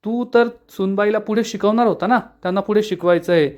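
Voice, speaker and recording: Guy reading stern old father-in-law, gruff and protective. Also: high-pitched, a little fast, a little mellow, voice pushed up, close to an everyday voice.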